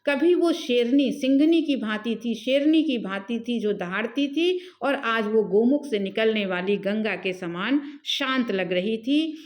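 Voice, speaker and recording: A woman with a Hindi accent teaches a poetry class, reading each verse slowly before explaining it in everyday words. Her voice sits a little high. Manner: reads verses slowly, then paraphrases in plain words. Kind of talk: explaining a poem line by line.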